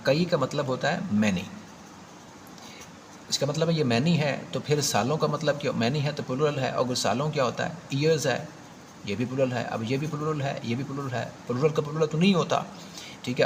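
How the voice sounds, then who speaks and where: Slight background noise accompanies a medium-pitched man with a Pakistani accent as he walks through exam-prep grammar step by step, stressing and repeating the important points.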